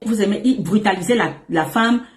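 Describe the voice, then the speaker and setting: A woman's voice: mid-range voice, fairly quick. A woman relationship coach giving casual advice to men, emphatic and repetitive, often calling the listener her emperor, with playful asides. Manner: animated and playful, with asides and laughs. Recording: echoey room.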